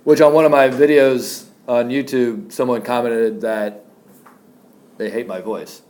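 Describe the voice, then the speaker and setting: Male math teacher, mid-pitched, chatty classroom lecture with jokes. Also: fairly even intonation, moderate pace, a little mellow, slight background noise. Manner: chatty, jokey with students.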